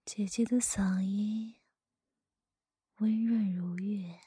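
Woman acting a teasing older sister, breathy whispered role-play right in your ear. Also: medium pitch, steady tone, dark tone, no room sound, clean studio sound, exaggerated voice. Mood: slow, sultry. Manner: slow, intimate whispering right in the listener's ear. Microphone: close microphone, dry.

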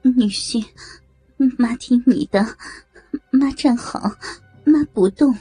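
A woman's voice: a little high, takes it slowly, mellow, husky, no room sound, faint music behind, exaggerated voice, low-quality recording. A woman doing a tearful, pleading mother-in-law. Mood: meek. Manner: begging, submissive, stammering. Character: meek, pleading middle-aged mother-in-law. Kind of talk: erotic audio story acting.

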